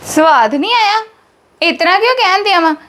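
A woman's voice: very high voice, animated, fairly quick, a bit bright. A woman acting a resentful daughter-in-law in a family drama skit, scolding and complaining.

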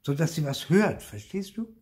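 An older man reading aloud, voicing an excitable, insistent little girl in a storybook. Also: moderate pace, lightly acted. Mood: knowing. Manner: shrill, wide-eyed and insistent.

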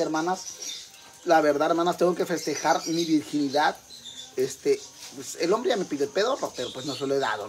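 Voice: medium pitch, slight background noise, natural voice. A performer voicing a crude, boastful Mexican mother with a Mexican accent, rambling gossip to her sisters in a comic monologue.

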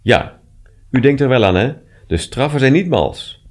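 A man's voice: mid-range voice, animated, pitched above the performer's own voice. A man playing a stern, prying inspector. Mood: officious. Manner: brisk, louder, questioning.

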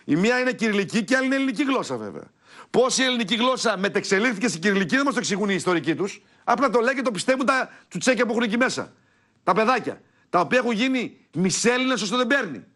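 A high-voiced man hosts his own TV show from a studio. He rants angrily and shouts at viewers, insulting his targets, then turns to pushing products for sale. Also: big pitch swings. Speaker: TV show host. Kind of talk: heated political talk and product pitch.

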